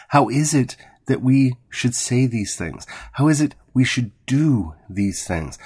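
A man giving a gentle, measured devotional talk, pausing often between phrases. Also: fairly low pitch, breathy edge, no echo, clean studio sound.

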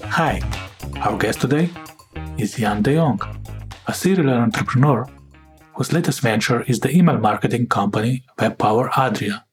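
Soft music plays behind a podcast host whose mid-range voice has lively intonation and a normal speed. He chats with his interview guests casually, filling out his sentences with filler and often slipping in "let's say."

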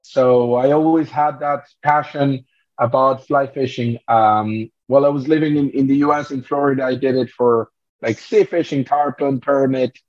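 A young man from Argentina, speaking in an easygoing, measured way during a casual interview. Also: mid-range voice, steady tone, darkish tone. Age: young adult. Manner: easygoing, measured, with "uh" and "you know". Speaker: guest angler. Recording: slightly dull lo-fi sound.

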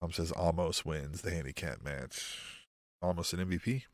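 Low-voiced cursing podcast host. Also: male voice, normal speed, no room sound, studio quality. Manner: profane, rambling, sardonic. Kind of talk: casual chat.

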